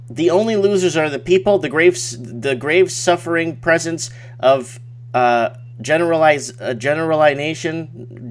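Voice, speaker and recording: A man hosting a casual late-night live stream, speaking emphatically and repeating words for effect. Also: a little high. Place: small home office at night.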